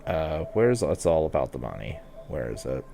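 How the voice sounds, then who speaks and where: A man's voice: rumbling low, big pitch swings, normal speed, creaky, warm tone, soft background music. A man narrating a video game walkthrough as a guide, talking in a casual, conversational way.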